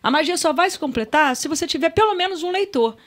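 Middle-aged carioca woman, high voice, chatty and emotional, swears casually on a podcast. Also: fast. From Rio de Janeiro, Brazil. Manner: lively, emotional storyteller who swears casually. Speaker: guest. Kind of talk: casual storytelling in a podcast chat.

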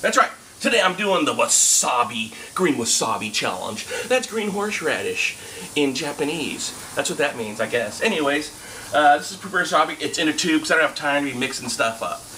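A man's voice: fairly high pitch, very animated, fairly quick, sharp tone. A middle-aged man hosting a casual food challenge vlog, talking to the camera outdoors in a backyard. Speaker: YouTube host. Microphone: camera at about arm's length to a few feet. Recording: noisy outdoor camera audio.

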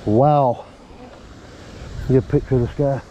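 A man vlogging from a lakeside while landing a big fish, talking excitedly to the camera. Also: mid-range voice, a little slow, lo-fi sound, a little hiss or hum. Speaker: fishing vlogger. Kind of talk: casual on-camera narration. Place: lakeside outdoors.

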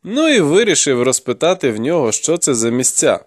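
A man's voice: on the high side, very animated, a little fast, dry recording, clean studio sound. A man voicing a grim male warrior who taunts and interrogates a captive in an audiobook. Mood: taunting, grim. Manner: taunting, commanding, gruff.

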